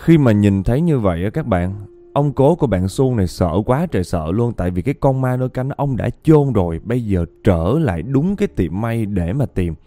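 A man's voice: fairly low pitch, lively intonation, fairly quick, mellow, faint music behind. A man narrating ghost stories in a chatty way, often speaking straight to his listeners. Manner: chatty, keeps addressing listeners. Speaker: storyteller.

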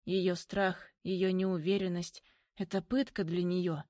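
A woman narrating a first-person audiobook in an expressive, intimate way. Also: fairly low pitch, a little slow, no room sound, clean studio sound.

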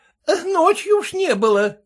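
A woman's voice: very high-pitched, big pitch swings, measured pace, exaggerated voice. A man reading a story aloud, voicing a put-upon kitchen cook woman with a whining, tearful manner. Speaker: character in a read story.

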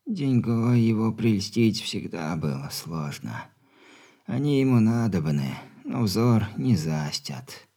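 A man reading an audiobook, voicing a bedridden dying old man who speaks slowly and quietly, breathing heavily in a creaky voice. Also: on the low side, sing-song, heavily acted. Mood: stern, weary. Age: older. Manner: slow, quiet, weary.

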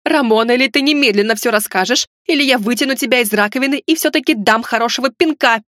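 A woman's voice: lively intonation, normal speed, no echo, studio quality. Woman doing a flustered young noblewoman. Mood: anxious. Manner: high, exclaiming, anxious.

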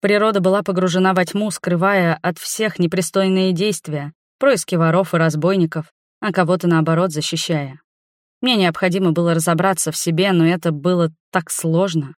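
A reader telling a fantasy romance in the first person, with a mid-range voice and a steady, even delivery. The recording is close and dry, with no room sound. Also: mid-range voice, normal speed, dry recording. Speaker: audiobook reader. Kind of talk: scripted audiobook narration.

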